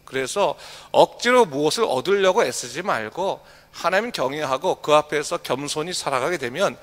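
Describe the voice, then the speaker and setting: A male pastor giving a morning sermon, reading scripture slowly and asking the congregation rhetorical questions. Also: on the high side, fairly bright tone. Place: church sanctuary. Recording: long hall reverb.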